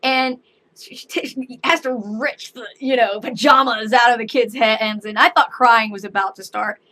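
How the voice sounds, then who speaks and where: A woman's voice: fairly high pitch, steady tone, normal speed, pushed and bright. A young adult woman who works as a store cashier, chatting animatedly and acting out dialogue in a casual storytelling vlog.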